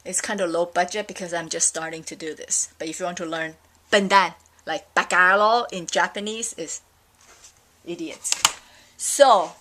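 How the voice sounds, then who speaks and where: A middle-aged Taiwanese woman vlogger rants casually about her opinions, rambling and exasperated, with plenty of fillers. Her voice is lowish, pushed and bright, at a moderate pace.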